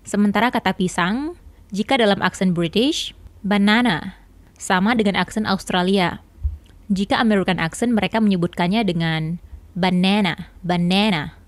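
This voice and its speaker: A woman's voice: medium pitch, normal speed, no room sound. A woman teaching an English lesson, explaining patiently step by step with examples.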